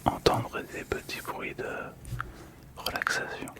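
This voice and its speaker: With his mouth near a close ASMR mic monitored over headphones, a man hosting an ASMR video describes a card. His delivery is a breathy whisper, gentle and soothing, broken by pauses.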